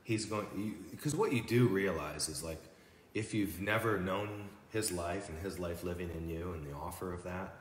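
A man's voice: low voice, moderate pace, a little hiss or hum. A man who is a church guest, thoughtful in conversation and often agreeing. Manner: reflective, agreeable, backchannels often. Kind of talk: casual faith chat. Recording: roomy, echoey room.

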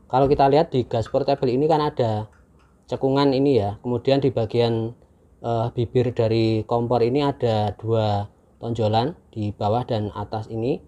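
A man calmly and patiently explaining, step by step, how to use a camping stove, recorded indoors with a camera mic above the table. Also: mid-range voice, muffled recording. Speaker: channel host demonstrating a camping stove. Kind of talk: casual how-to demonstration.

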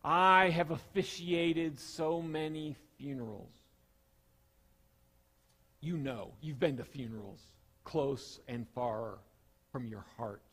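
A man's voice: on the high side, takes it slowly, a bit bright, long reverb tail. A male pastor with a Southern accent preaches a sermon with emphasis, repeating his key phrases.

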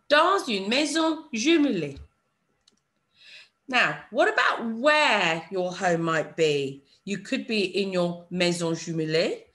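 Lively woman teaching French. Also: on the low side. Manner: slow, drawn-out French model phrases for repeating; patient, encouraging teacher talk. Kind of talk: online language lesson with screen share.

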